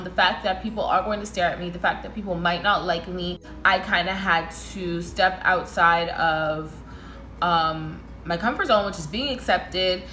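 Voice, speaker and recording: A woman's voice: lowish voice, pushed and bright, reverberant, poor audio. A young woman from Canada with a Toronto accent, answering viewer questions in a casual, chatty vlog and laughing often. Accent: Toronto Canadian English. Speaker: vlogger.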